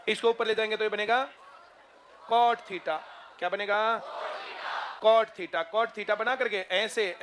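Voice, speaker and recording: A man's voice: high-pitched, bright, forceful tone. A male math teacher lecturing a classroom, constantly asking students if they understood. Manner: drills students with repeated checking questions. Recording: noisy classroom with crowd murmur.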